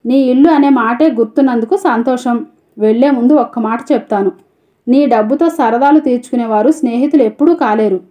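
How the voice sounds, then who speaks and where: A woman's voice: fairly high pitch, a little fast, muffled recording, natural voice. A woman reading a storybook, voicing a principled, caring young woman who gives firm, cutting rebukes. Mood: stern.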